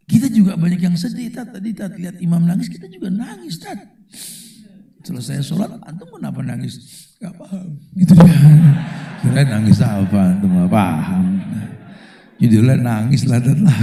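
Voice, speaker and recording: A man preaching a casual, slangy sermon, animated and acting out the people he quotes. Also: high-pitched, reverberant. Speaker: Islamic preacher.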